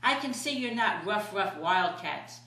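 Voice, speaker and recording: A woman's voice: medium pitch, animated, unhurried, sharp tone. An older woman voicing a large, knowing male wild cat in a storybook, with a terse manner. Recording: echoey room.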